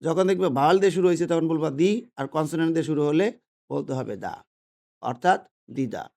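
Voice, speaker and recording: A man's voice: a little high, rapid-fire, gravelly, warm tone. A man teaching a grammar lesson, patiently repeating himself and asking questions that he then answers. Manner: patient, repetitive, asks and answers his own questions. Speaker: English teacher. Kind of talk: explaining English grammar lesson. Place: indoors, holding a pen.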